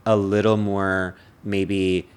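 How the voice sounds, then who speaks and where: A low-pitched man co-hosting a comedy podcast. He talks in an easygoing, agreeable way and often draws his phrases out. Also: little pitch movement, slow pace, smooth. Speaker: podcast co-host. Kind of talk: casual comedic chat.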